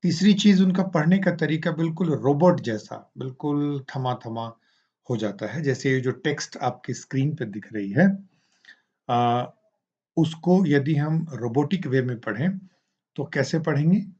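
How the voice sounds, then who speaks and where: A man giving a recorded teaching lecture, explaining slowly and deliberately with hesitant fillers. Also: a little high, darkish tone, slightly rough, highs cut off. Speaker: teacher educator.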